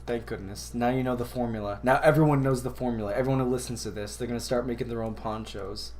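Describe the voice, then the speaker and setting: A man's voice: mid-range voice, steady tone, fast talker, darkish tone. A man co-hosting a casual comedy podcast, rambling and laughing often, sometimes dropping to a mumble. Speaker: podcast co-host.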